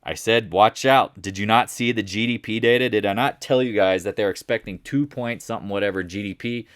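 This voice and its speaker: A man with a lowish voice talks through his market charts in a loose, chatty way. He jokes, trips over his words and backtracks often. The sound is dry and close, with no room around it. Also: fairly quick, no echo. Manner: rambling, self-correcting, jokey. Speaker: market commentator. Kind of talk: casual market recap.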